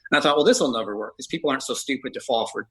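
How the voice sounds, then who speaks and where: A man's voice: mid-range voice, rapid-fire, pushed and bright, low-quality recording. A middle-aged man from Canada answering interview questions in a rambling way, with frequent hesitations. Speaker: podcast guest, traveler.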